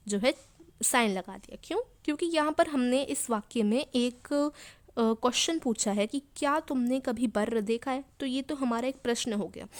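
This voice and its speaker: A woman's voice: on the high side, no echo. Hindi teacher woman, patient explainer. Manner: repeats and rephrases each point slowly for young pupils. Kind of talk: explaining a Hindi grammar lesson to children.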